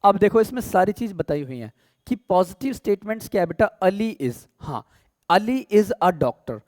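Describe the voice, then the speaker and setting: A man's voice: sits high, sing-song, a little mellow, no room sound. Indian man teaching English grammar. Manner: addresses students as beta and pyare bachche, asks "theek hai?" often; slows down to read English examples aloud. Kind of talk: casual Hindi-English lesson.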